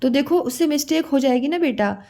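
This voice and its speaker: A woman teaching young children to read, stretching syllables slowly and calling the listener "beta". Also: sits high, expressive, mellow. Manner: slow, drawn-out syllables for children. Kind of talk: children's Hindi lesson.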